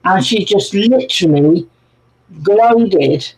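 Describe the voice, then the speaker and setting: A man's voice: high voice, expressive, slow, darkish tone, rough recording. A man chatting casually on a livestream as co-host, telling ghost stories and greeting viewers by name over a video call. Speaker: co-host, paranormal investigator.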